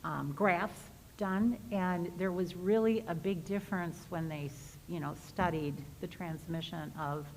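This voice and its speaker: A woman's voice: fairly low pitch, measured pace, darkish tone. A woman speaking as a board member in a meeting discussion. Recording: echoey hall with faint noise.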